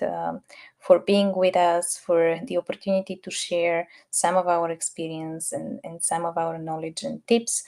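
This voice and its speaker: A woman's voice: on the low side, creaky, a little mellow. A woman co-hosting a marketing webinar, speaking hesitantly with many fillers as she thanks the audience. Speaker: webinar co-host, marketing consultant. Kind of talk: live webinar wrap-up.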